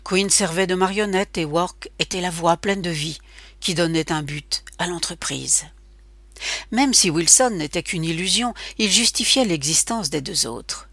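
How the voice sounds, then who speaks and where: A woman narrates a literary audiobook with a measured, even delivery. Her voice is low-pitched and breathy-husky, recorded close and completely dry. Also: dry recording.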